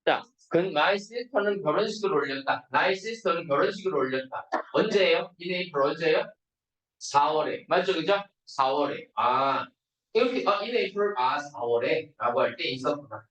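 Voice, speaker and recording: A man with a fairly high voice teaches an English grammar lesson in a classroom. He keeps asking his students to confirm they follow and slows right down for the example sentences. The sound is roomy, picked up from some distance. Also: expressive, fairly bright tone. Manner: asks students constant check questions; reads English examples slowly and deliberately.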